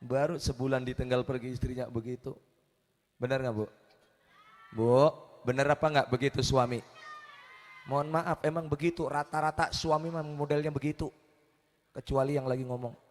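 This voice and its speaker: A man's voice: mid-range voice, fairly even intonation, normal speed, pauses often, big-room sound. A male preacher giving a humorous sermon, teasing the audience with questions. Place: religious gathering at night.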